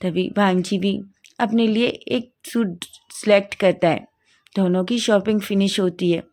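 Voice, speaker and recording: A woman's voice: medium pitch, steady tone, unhurried, a little mellow. A woman narrating a fan story in a plain retelling manner, often correcting herself mid-sentence.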